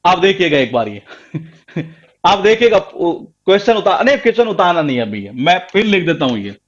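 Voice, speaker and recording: A man with a high voice teaches a grammar lesson, pressing his students with question after question and repeating each point for emphasis. The sound is dull and lo-fi. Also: big pitch swings, normal speed. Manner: emphatic, repetitive, quizzing students. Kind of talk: live online class lecture.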